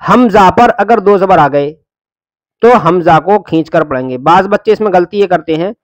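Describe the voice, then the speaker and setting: High-pitched guy teaching quran reading, spells each letter slowly then blends it, patient, dry sound. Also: expressive, no room sound. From India. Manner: patient explaining, corrects common student mistakes. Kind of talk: slow syllable-by-syllable Quran reading lesson.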